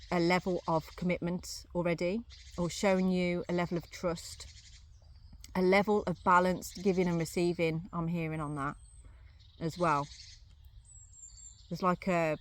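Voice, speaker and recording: Woman musing through a card reading. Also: lowish voice. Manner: musing, thinking aloud with many ums; chewing gum while talking. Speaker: rune and tarot reader. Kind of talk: casual card reading to camera. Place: outdoors on a sunny day, crickets behind.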